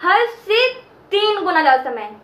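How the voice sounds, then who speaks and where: A woman teaching a slow lesson, explaining step by step and repeating key terms. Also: very high-pitched, very animated, pushed and bright. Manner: repeats key terms and draws out chanted sounds. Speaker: Sanskrit teacher. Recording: echoey room.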